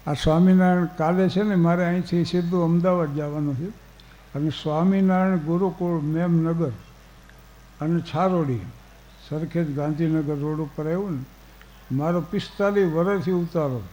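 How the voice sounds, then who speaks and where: Older storyteller with mellow voice. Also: male voice, fairly high pitch, steady tone, normal speed, poor audio. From Gujarat, India. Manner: folksy, anecdotal, quotes verse. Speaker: storyteller on stage. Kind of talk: humorous storytelling to a live audience.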